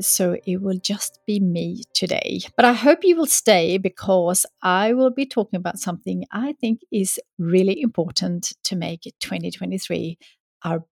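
A woman's voice: mid-range voice, creaky, darkish tone, no echo, studio quality. A woman hosting a solo advice podcast, upbeat and encouraging, speaking to the listener in a tidy, step-by-step way. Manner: encouraging, addresses listener directly. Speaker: podcast host.

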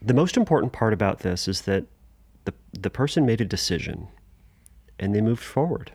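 A man hosting a solo podcast, talking casually with restarts and fillers and sudden lively jumps in pitch. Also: moderate pace, breathy edge, no room sound. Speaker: podcast host.

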